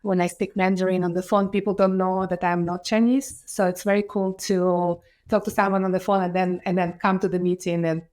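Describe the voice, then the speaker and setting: This Ukrainian woman in her thirties speaks with a Ukrainian accent as an enthusiastic interview guest, chatting casually with lots of fillers and restarts and laughing often. Her voice is lowish and darkish, with a flat delivery. She talks fairly quickly and barely pauses.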